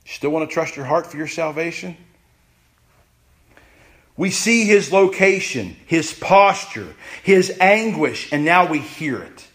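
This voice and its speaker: A man preaching a sermon, emphatic and repeating phrases, at times rushing and at times slowing right down. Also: fairly high pitch, animated, a bit bright. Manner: emphatic, repeats phrases, pace swings from rushed to slow. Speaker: pastor.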